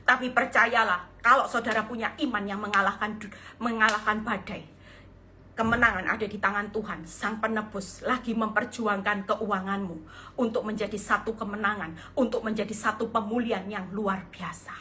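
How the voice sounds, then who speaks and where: A woman's voice: mid-range voice, steady tone, moderate pace, sharp tone, a little hiss or hum. A woman evangelist preaching emphatically on a live stream, acting out dialogue and addressing listeners as saudara. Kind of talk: sermon on Instagram live. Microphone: phone on live stream.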